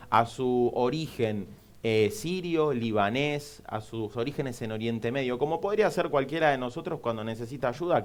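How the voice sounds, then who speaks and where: A man hosting a news program, giving measured, reflective commentary with occasional restarts. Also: medium pitch. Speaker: program host.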